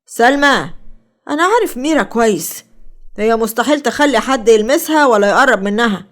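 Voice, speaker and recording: A woman's voice: a little high, animated, brisk, close to an everyday voice. A woman with an Egyptian Arabic accent voicing a scheming, controlling young man. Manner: controlling, sly.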